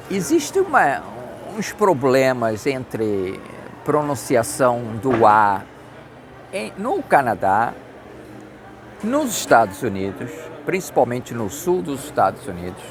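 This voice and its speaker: A middle-aged man with a Brazilian Portuguese accent gives a casual spoken lesson, repeating and spelling out words slowly. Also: mid-range voice. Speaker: English tips vlogger. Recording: noisy outdoor street recording.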